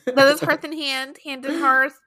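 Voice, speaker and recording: A woman's voice: high-pitched, level tone, normal speed, pushed and bright. A young woman co-hosting a casual podcast chat, playful and blunt, laughing often. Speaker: podcast co-host.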